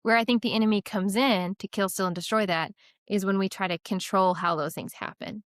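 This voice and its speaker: A woman's voice: medium pitch, fairly even intonation, no room sound, clean studio sound. A young adult woman talking earnestly about faith in a casual podcast chat, full of "like" and "right?". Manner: earnest, many "like" and "right?" fillers, quick asides.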